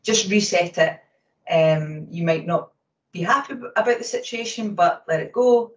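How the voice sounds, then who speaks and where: A Scottish woman answers interview questions about refereeing at a quick pace, full of ums and you-knows. She sits back from the microphone, so her voice reaches it faintly, and the room gives it a roomy echo. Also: lowish voice. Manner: talks quickly, with fillers. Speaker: hockey umpire. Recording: roomy sound from a distance from the mic.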